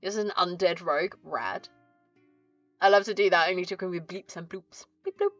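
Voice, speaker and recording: A woman's voice: on the low side, normal speed, fairly bright tone, no room sound, lo-fi sound, faint music behind. A woman with a southern English accent chatting casually as a livestream host, chirpy and friendly in a cute streamer manner.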